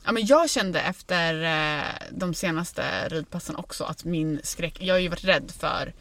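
A woman's voice: deep voice, a bit bright, dry recording. A woman co-hosting a podcast from inside a car, chatting candidly and with enthusiasm. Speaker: podcast co-host. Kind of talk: casual chat.

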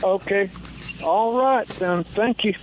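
A man's voice: high-pitched, takes it slowly. A man calling a radio show by telephone, asking casually in a polite, hesitant way. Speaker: caller. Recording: dull phone call with faint noise.

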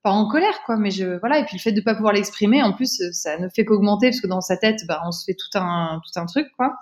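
A woman's voice: medium pitch, lively intonation, fast talker. A woman, a guest in an interview, telling a personal story casually, with many fillers and restarts.

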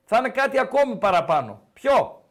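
A man's voice: very high-pitched, big pitch swings. A man hosting a call-in sports radio show, talking casually and animatedly and repeating himself for emphasis.

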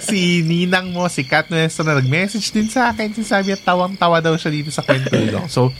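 A man's voice: fairly high pitch, fairly quick, slight background noise. Chatty Filipino man hosting a podcast. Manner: animated, mixes Tagalog and English. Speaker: podcast co-host. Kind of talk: casual chat about a TV series.

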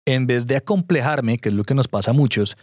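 A man's voice: mid-range voice, expressive, brisk, dry recording, clean studio sound. Emphatic man giving advice. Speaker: guest investor. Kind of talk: conversational podcast interview.

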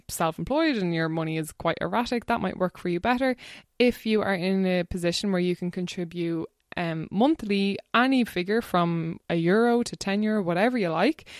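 Woman, Irish accent, podcast host, average pitch, casual chat, dry room-free sound. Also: dry recording. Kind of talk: casual, chatty podcast hosting.

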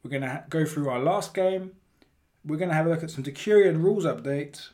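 Man hosting from a flat's hallway. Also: fairly high pitch, brisk. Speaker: podcast host. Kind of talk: casual hobby chat. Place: hallway of a flat.

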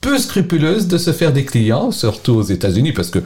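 A man co-hosting a casual podcast, chatty and friendly, often pausing with fillers. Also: medium pitch, huge pitch swings, darkish tone. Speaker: podcast co-host.

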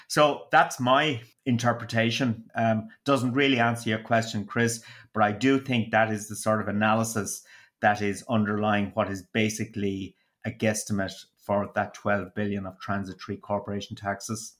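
A man explaining tax policy on a podcast in a measured, hedging way. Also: lowish voice, fairly even intonation, fairly bright tone. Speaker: economics commentator. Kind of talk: podcast discussion.

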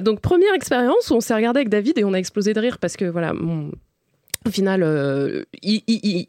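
A woman from France is co-hosting a relaxed podcast, spinning anecdotes with frequent fillers and restarts. Her voice sits at an ordinary middle pitch. The sound is dry and close, with no room around it. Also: no room sound. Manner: storytelling with many fillers. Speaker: podcast co-host. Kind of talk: casual chat.

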